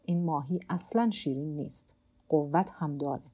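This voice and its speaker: A weary old fisherman alone at sea mutters gruffly to himself and scolds his own stiff hand, as a woman reading the book gives him voice. The tone sits low and mellow, a little louder than the narration, on a slightly dull lo-fi audiobook recording. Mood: muttering to himself. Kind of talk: audiobook character voice.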